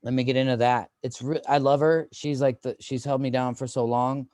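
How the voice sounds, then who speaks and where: A man's voice: medium pitch, fairly even intonation, brisk, darkish tone, smooth, no room sound. A man in his thirties doing a stand-up comedy set, rambling and self-deprecating with lots of fillers.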